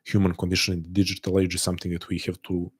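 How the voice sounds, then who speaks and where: The man's voice sits low and slightly rough, delivered completely flat and at a rapid-fire pace. He hosts a live online call, giving a reflective, earnest talk to his audience while repeating words and restarting phrases as he thinks aloud.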